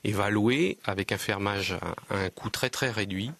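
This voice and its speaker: A man from Lower Normandy speaks as a radio interview guest in a fairly low voice. He explains earnestly but haltingly, filling gaps with hesitations and restarting phrases. The recording is dry and close. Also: a bit bright, no echo. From Lower Normandy, France. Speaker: guest, land trust representative.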